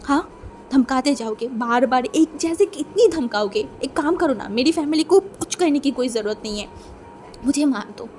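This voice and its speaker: Woman doing a hurt young guy yelling back, higher and louder, stammers when scared, storybook read. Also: little pitch movement, moderate pace, faint music behind, natural voice. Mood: angry shouting. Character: young man, poor, hurt and furious.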